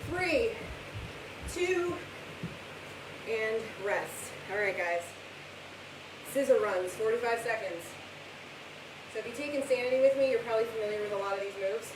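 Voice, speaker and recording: High-pitched woman coaching a workout, echoey and hissy. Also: expressive, moderate pace, long pauses. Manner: motivating, calling out encouragement, cues and countdowns; exerting herself while talking through the exercises. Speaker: fitness instructor leading a home workout class. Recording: echoey room, far from mic, loud hiss.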